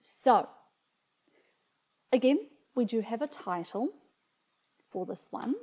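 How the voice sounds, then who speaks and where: With a fairly high, mellow voice, a woman with a New Zealand accent talks slowly but animatedly as she hosts a video reading her childhood stories. Her casual delivery is hesitant, reflective and amused, and the audio is slightly muffled.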